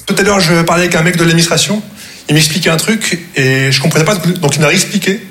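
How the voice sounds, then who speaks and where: A Moroccan man, a native Arabic speaker, performs a self-deprecating, conversational stand-up monologue on a live comedy stage to loud laughter from the crowd. His voice is on the high side, quick, throaty and muffled, with posh, old-fashioned diction and faint music behind him.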